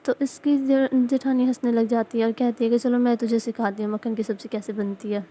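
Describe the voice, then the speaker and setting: A woman's voice: fairly high pitch, little pitch movement, warm tone. A woman storyteller narrating a family moral tale in a plain, simple way. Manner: plain, simple retelling with restarts.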